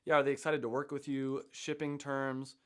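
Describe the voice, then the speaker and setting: A chatty man hosting a livestream in a loose, rambling way. His pitch sits in an ordinary middle range, and he switches between tips and reminders to the viewers. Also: flat delivery, moderate pace, clear, resonant tone. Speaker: host. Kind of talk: casual livestream teaching.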